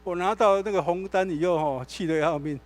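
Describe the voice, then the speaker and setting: A male pastor with a Taiwanese Mandarin accent delivers a sermon in a church sanctuary. His voice sits a touch higher than most men's. He tells stories with animated energy, acting out the dialogue as he goes. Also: a little fast. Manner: animated storytelling, acts out dialogue.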